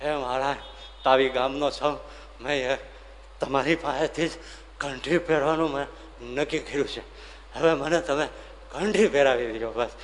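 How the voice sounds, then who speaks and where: A man's voice: medium pitch, little pitch movement, moderate pace, a little hiss or hum, lightly acted. A man voicing a humble village farmer who pleads earnestly with his guru. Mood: pleading. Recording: long hall reverb.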